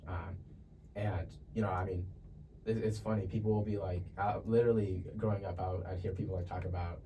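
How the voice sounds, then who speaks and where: Low-voiced young man telling his story. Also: a little fast. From Ethiopia. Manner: relaxed and chatty, laughs easily. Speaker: podcast guest. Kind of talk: casual testimony. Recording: distant mic with faint ambient noise.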